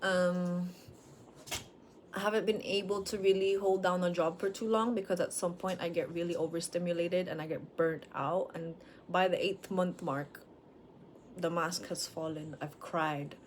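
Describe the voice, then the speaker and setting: Woman, late twenties, slightly low voice, frank and rambling, personal vlog. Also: fairly even intonation, normal speed, a little hiss or hum. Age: late 20s. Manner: frank, rambling, self-questioning. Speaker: vlogger. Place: at home with dogs.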